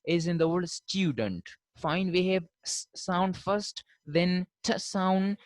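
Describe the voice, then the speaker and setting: A linguistics teacher gives a classroom lecture at an unhurried, deliberate pace, voiced at a middling pitch. Example words come in repeated pairs to set one pronunciation against another, and each point closes with a quick "fine." The sound is dry, with no room echo. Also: steady tone. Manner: repeats each word twice to contrast pronunciations; ends points with a checking "fine".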